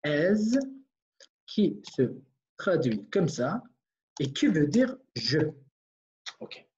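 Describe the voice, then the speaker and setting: A teacher leads an online language class at a slow, deliberate pace, saying each phrase more than once for the learners. The voice sounds soft and mellow. The audio comes through a computer mic and sounds muffled and lo-fi, like a web lesson. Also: mid-range voice, sing-song, slight background noise. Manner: explains patiently, checks in with "ok?".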